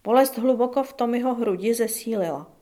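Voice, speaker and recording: Woman narrating an audiobook calmly. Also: on the high side.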